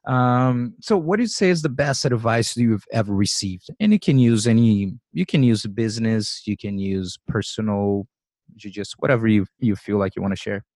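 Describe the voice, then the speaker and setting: Rambling through a relaxed interview, a podcast host in his forties frequently voices his own thoughts as little performances. He speaks at a moderate pace in a low, slightly mellow voice, recorded at studio quality with no room sound.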